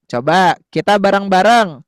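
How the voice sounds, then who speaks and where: A man's voice: high-pitched, measured pace, no echo, clean studio sound. A man teaching young children to read Arabic letters, patiently repeating words and coaxing answers in call-and-response.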